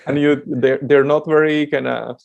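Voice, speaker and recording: Man, from Latvia, podcast guest, very gravelly voice, chatty, laughs a lot, dull lo-fi recording. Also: fairly high pitch, fairly even intonation, moderate pace. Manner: chatty, laughs often, many restarts. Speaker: guest, dating coach. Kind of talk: casual podcast chat.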